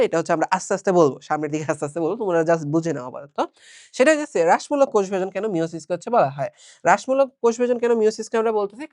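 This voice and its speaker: A man's voice: sits high, a little mellow, no echo, clean studio sound. A young man with a Bangladeshi Bengali accent giving a casual exam-prep biology lecture, chatty, asking and answering his own questions. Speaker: online biology teacher.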